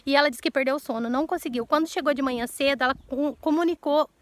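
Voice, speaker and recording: A woman in her thirties with a high voice tells a personal testimony, earnest and direct with her listeners. She repeats key words to stress them. The sound is close and dry. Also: fast talker, no room sound. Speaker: vlogger telling a personal testimony.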